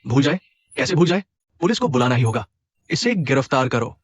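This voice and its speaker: A man's voice: medium pitch, big pitch swings, a little fast, breathy edge. An actor playing a smug company boss who orders his staff around. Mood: indignant. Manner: smug, bossy. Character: smug middle-aged male CEO.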